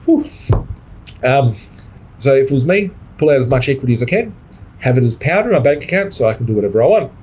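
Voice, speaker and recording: A man's voice: medium pitch, sing-song, fast, pauses often, a little mellow, a little hiss or hum, poor audio. A middle-aged Australian man who coaches property investors, talking bluntly and swearing in a livestream monologue, often tagging "right?" on his points. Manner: blunt, swears freely, keeps adding "right?".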